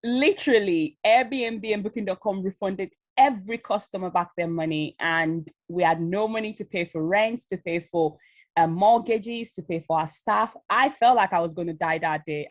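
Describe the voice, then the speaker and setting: A woman in her thirties from Leeds, guesting on a casual video-call interview, tells the story of her life as an Amazon seller. Her mid-range voice is recorded dry and carries a Yorkshire accent touched with Nigerian. She comes across animated, laughing often and using lots of fillers.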